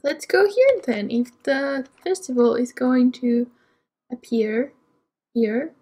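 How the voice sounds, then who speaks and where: Young woman gamer, casual rambling commentary, high husky voice, chatty. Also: animated, slow, dark tone. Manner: chatty, rambling, self-talking with frequent ums. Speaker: let's play gamer.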